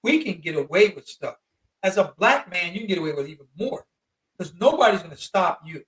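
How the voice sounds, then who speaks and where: A man in his fifties, an interview guest, telling travel stories in an animated, slangy, emphatic way. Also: sits high, a little fast, far from the mic, rough recording. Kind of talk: casual storytelling.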